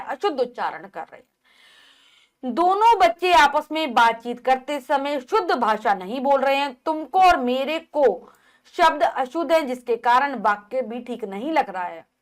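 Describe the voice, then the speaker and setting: A woman from India teaching a grammar lesson to children, reading words aloud, repeating each one and explaining the correct spelling. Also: high voice.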